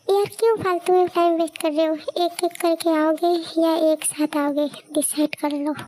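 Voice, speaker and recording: A woman voicing a cocky male gang thug who taunts slowly in a fan audio story. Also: very high voice, level tone, noisy background. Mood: taunting.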